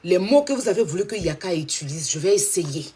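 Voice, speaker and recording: A woman's voice: fairly low pitch, lively intonation, a little fast, warm tone, slightly rough. A woman hosting a live stream, talking straight to her viewers and repeating her points insistently.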